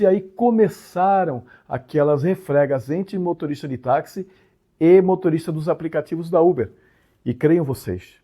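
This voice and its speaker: A man's voice: high voice, warm tone. A man from Brazil hosting his own channel, explaining a story in a casual monologue with frequent tag questions and emphatic swings. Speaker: channel host.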